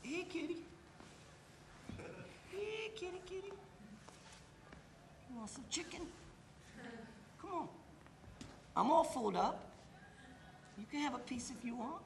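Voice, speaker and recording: A high, gravelly homeless drifter. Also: male voice, lively intonation, exaggerated voice. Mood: coaxing. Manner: rambling, slangy, drawn-out. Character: streetwise homeless drifter man nearing fifty, rambling and teasing. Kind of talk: one-man stage play monologue. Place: theater stage. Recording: echoey theater stage, faint noise.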